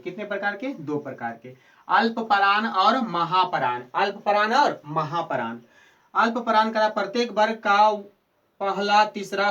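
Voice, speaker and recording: A man's voice: high-pitched, a bit bright, far from the mic. A male teacher giving a Hindi grammar lesson, asking questions and answering them himself, repeating key answers. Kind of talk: Hindi grammar lesson for board exam students.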